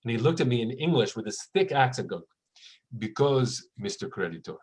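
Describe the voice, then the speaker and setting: In a relaxed interview, a man in his forties who is a rabbi and writer spins warm stories and performs the voices of those he quotes. His mid-range voice swings widely in pitch, moving briskly with a breathy edge.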